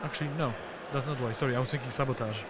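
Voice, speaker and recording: A man's voice: medium pitch, racing, very noisy. A man co-commentating a tabletop game on a livestream, casually reading out game details through headset audio. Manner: casual, reads out game info.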